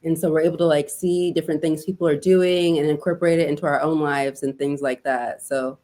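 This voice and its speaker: Deep-voiced casual woman podcast host. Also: fairly even intonation, brisk, warm tone. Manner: upbeat, casual slang. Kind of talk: casual interview.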